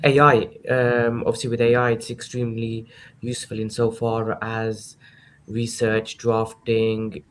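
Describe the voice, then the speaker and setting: A man gives a professional panel answer in an even, little-varying tone. His phrasing is measured and hesitant, and there is faint background noise on the recording. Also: mid-range voice.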